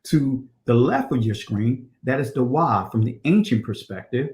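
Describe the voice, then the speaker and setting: A man teaching from slides in a conversational way, often checking in with "right?" and pausing on fillers. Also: medium pitch, expressive, a little mellow. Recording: roomy echo.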